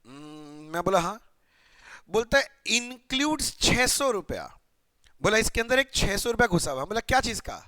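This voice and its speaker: A man's voice: sits high, sing-song, unhurried, sharp tone, no room sound. A young man teaching accounting in a chatty, playful lecture style, often asking students questions and muttering while he writes. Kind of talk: casual classroom lecture.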